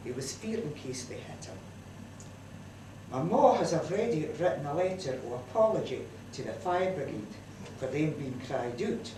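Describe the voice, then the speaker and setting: A woman's voice: lowish voice, darkish tone. A woman with a broad Scots accent, performing a comic monologue as a mother's letter to a minister, in a chatty dialect style. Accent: Scottish, broad Scots. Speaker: storyteller at a community event. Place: community centre hall, live audience. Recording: distant, roomy live hall recording with noise.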